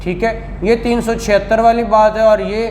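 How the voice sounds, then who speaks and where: This law lecturer, a Pakistani-accented man, speaks in a high, level voice with a darkish tone and a moderate pace. He teaches didactically, asking rhetorical questions and repeating key phrases, in an echoey classroom with faint background noise.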